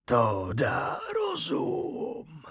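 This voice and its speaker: A man voicing the ghost of a dead woodcutter father in an audiobook, speaking in a slow, faint, eerie whisper. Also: mid-range voice, wildly swooping pitch, gravelly, a bit bright, breathy edge, dry recording, studio quality, voice pushed up, full character voice. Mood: eerie, ghostly.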